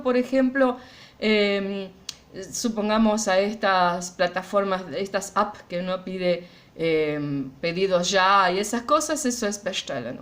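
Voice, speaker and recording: Lady walking thru german verb exercises, highish voice that bounces around a lot, slows way down on the german bits. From Argentina. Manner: slows down to pronounce German example sentences; checks understanding with a frequent "¿ya?". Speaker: German teacher. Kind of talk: explaining grammar exercises in a recorded class.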